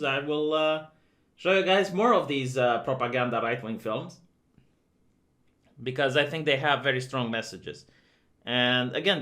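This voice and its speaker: A man from Romania, speaking in a slightly bright mid-range voice, offers opinionated vlog commentary. His delivery is relaxed and conversational, as a video commentator's would be, and he leans heavily on fillers like "uh" and "um."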